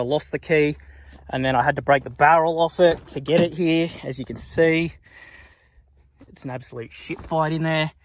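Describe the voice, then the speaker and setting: Australian man, higher-than-average pitch, casual car vlog, laid-back Aussie slang, sweary, blokey, dry close sound. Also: no room sound. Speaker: car build vlogger. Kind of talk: casual vlog chat while working on a car.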